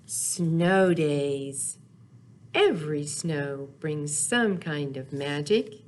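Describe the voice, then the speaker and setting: A woman with a low-sitting voice draws out her words as she hosts a children's library storytime. She reads aloud and speaks in simple, sing-song phrases, with songs and questions for young kids, over slight background noise.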